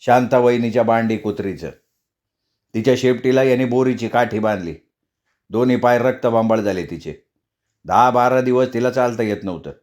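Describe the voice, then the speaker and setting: A man's voice: medium pitch, normal speed, a little mellow, natural voice. A man voicing a mocking elder brother who tells tales, in a storybook reading. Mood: taunting. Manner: taunting, tattling.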